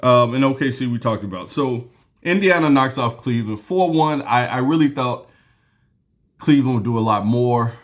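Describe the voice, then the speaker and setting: Hosting a basketball show solo, a man with a mid-range voice chats at a normal speed. His talk is loose and relaxed, peppered with ums and false starts, and he takes sips of beer along the way.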